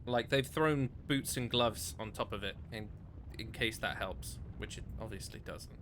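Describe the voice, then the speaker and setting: A man's voice: fairly low pitch, moderate pace, background noise. Chatty game master man. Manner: chatty, filler-heavy, swears casually. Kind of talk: narrating a tabletop game.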